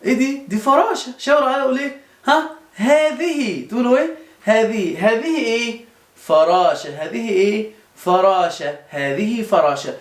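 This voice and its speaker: A man's voice: high voice, expressive, normal speed. A man with an Egyptian accent teaching young children, coaxing them with repeated questions and answers. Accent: Egyptian Arabic. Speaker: primary school teacher. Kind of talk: children's lesson. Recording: roomy echo.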